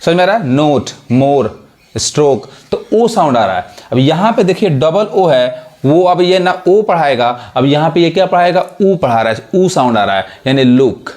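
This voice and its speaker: A man's voice: fairly high pitch, very animated, normal speed, darkish tone. A man teaching an English pronunciation lesson, who spells words out letter by letter and keeps asking whether his students follow. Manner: repeats check questions, spells words letter by letter. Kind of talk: spoken classroom lesson.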